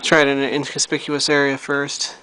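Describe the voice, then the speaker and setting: A man handles his radio repair project at home and narrates it haltingly, thinking out loud in an unscripted, casual show-and-tell. He's a hobbyist vlogger with a medium pitch, a sharp tone and a completely flat delivery. A little hiss or hum sits under the recording.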